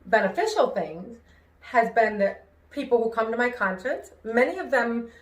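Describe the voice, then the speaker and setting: A woman's voice: on the high side, moderate pace. Woman with distorted, w-like r sounds, echoey room. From New York, United States. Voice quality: hearing-impaired speech with distorted r sounds, closer to w or a rolled r. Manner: careful pronunciation with worked-on inflection; expressive, emphatic. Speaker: singer and show host. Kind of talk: personal conversational talk.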